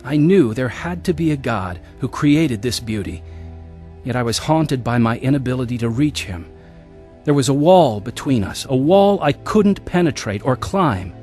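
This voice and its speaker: This radio drama actor has a mid-range, expressive, natural-sounding voice, a little mellow and moderately paced, with faint music behind him. He plays a restless adventurer on a search, earnestly reflecting as he tells his life story in first-person narration.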